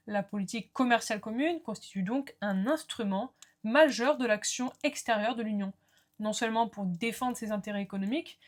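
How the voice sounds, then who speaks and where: Female lecturer, slightly high voice, clear explanations, asides to students. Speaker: law lecturer. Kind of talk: recorded lecture.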